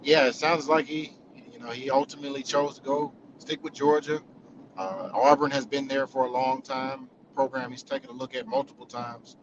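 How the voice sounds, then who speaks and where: A man's voice: medium pitch, steady tone, normal speed. A man giving live recruiting commentary as a guest analyst, talking in a loose, conversational way. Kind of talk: live sports interview commentary. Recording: dull, noisy remote connection with vehicle ambience.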